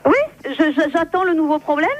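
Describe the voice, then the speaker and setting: A woman's voice: high voice, fairly quick. A woman on the phone, prim and haughty with a dry irony. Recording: dull lo-fi phone, faint noise.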